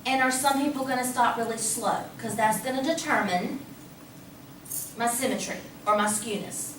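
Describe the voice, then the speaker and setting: A woman math teacher giving a lively classroom lecture, talking casually and asking the class questions. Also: fairly high pitch, normal speed. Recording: echoey classroom from a distance, faint hum.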